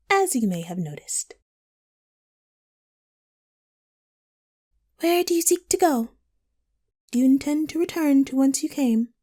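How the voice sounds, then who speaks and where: A woman voicing a teasing, riddling female cat from Wonderland in an audio roleplay, coy and playful with drawn-out, whimsical phrasing. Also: high voice, dark tone. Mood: welcoming, intrigued. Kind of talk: scripted audio roleplay addressed to the listener.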